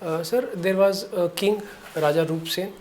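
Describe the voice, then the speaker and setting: A young man from Jammu and Kashmir answering interview questions politely and deferentially, pausing often to gather his words. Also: high-pitched, darkish tone, a little hiss or hum. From Jammu and Kashmir, India. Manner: polite, deferential, hesitant with many pauses. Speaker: interview candidate.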